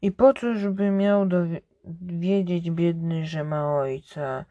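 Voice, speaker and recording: A slow, deliberate reading of epic verse. The voice is dark and mellow, and the reader often restarts a word mid-line before carrying on. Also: mid-range voice, steady tone, dull audio. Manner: slow recitation with frequent restarts. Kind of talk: reading epic poetry aloud.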